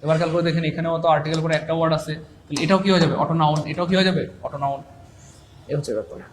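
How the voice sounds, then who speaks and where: Male tutor, rapid-fire drilling, slightly high voice, faint hiss behind. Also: fairly even intonation. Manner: quick, repetitive drilling, playful teasing of students. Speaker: English grammar teacher. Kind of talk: live online class.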